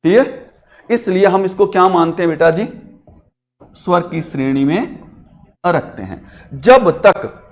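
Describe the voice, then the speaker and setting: A man with a somewhat high voice teaches a classroom grammar lesson. He coaxes his pupils along with questions and answers them himself. He calls them beta as he talks them through it. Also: lively intonation, a little slow, pauses often. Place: classroom with a digital board.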